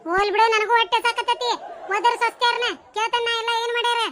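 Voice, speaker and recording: A woman voicing a sharp-tongued, mocking old village wife in a cartoon comedy, with a North Karnataka Kannada accent. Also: very high voice, flat delivery, slight background noise. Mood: scolding. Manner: nagging, mocking, quick retorts.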